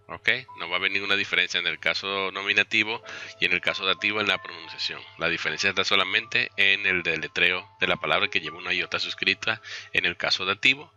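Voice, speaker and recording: A man's voice: sits low, sharp tone. A man teaching a recorded lesson with slides, explaining step by step and checking in with "¿ok?". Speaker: Greek language teacher.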